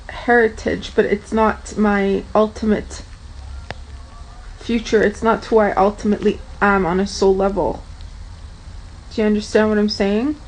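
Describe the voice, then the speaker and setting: This Armenian-native vlogger addresses her audience directly, keeping things candid and conversational. The recording quality is poor, with some hiss or hum under her medium-pitched voice.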